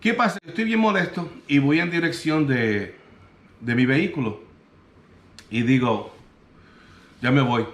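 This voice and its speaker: A man from Puerto Rico with a Puerto Rican accent, telling a personal story in an animated way and acting out the other people's lines. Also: a little high, measured pace, long pauses. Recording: roomy echo.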